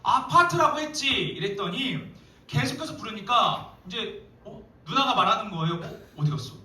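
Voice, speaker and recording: A man's voice: sits high, expressive, moderate pace, pushed and bright, slight background noise. A young man, a youth pastor, preaching a playful, joking sermon to teenagers in a church hall. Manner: playful, joking, addresses teens directly. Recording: echoey hall, mic far off.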